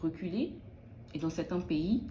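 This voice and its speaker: A woman's voice: lowish voice, moderate pace, dark tone, echoey room, a little hiss or hum. A young woman from Benin, a student in early childhood education, answering interview questions in a thoughtful, hesitant way with many restarts.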